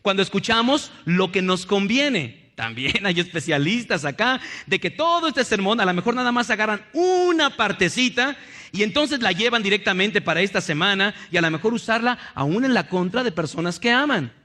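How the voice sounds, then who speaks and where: A man preaching a lively sermon in a church, acting out little scenes and joking with the congregation. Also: high voice, normal speed. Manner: animated, acts out little scenes and jokes with the congregation. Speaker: pastor.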